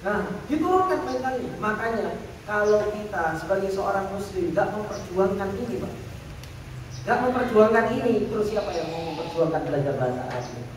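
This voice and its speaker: Lively and high-pitched, slightly fast, a male Islamic teacher delivers a religious lecture, asking rhetorical questions only to answer them. The room is echoey, the mic distant, and there's faint noise.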